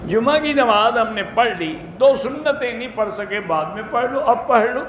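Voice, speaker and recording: A man, an Islamic scholar, giving brisk, plain-spoken answers to religious questions in a question-and-answer talk. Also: extremely high pitch, animated, a bit bright, slight background noise. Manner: plain-spoken, brisk, matter-of-fact rulings. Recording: echoey room.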